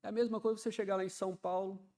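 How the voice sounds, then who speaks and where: A man, preaching a sermon in a chatty style that swells into loud, fervent emphasis. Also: high-pitched, flat delivery, rapid-fire. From Ceará, Brazil. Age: 50s. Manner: conversational preaching, often adds "né", builds to loud fervent emphasis.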